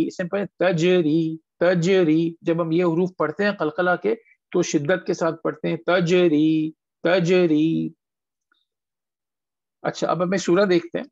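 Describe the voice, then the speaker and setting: A man teaching tajweed in an online class, patiently questioning students and drawing words out slowly as models. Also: sits high, no room sound. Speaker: Quran recitation teacher. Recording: dull lo-fi online call audio.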